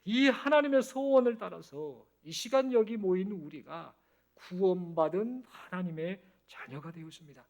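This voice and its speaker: A male pastor preaching a sermon in a church, telling the story with lively expression. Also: high voice, moderate pace. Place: church sanctuary.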